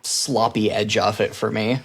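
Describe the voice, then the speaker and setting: A man co-hosting a podcast, discussing a book casually, thinking out loud and adding dry joking asides. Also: on the low side, flat delivery, unhurried, vocal fry, slightly rough. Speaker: podcast co-host.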